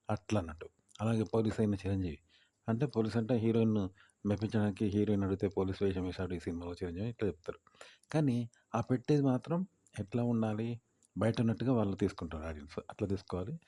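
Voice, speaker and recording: A man's voice: fairly low pitch, mellow, no echo. A man explaining YouTube tips in casual talk, rambling and repeating his points as he asks the listener if they follow. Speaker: YouTube creator giving tips.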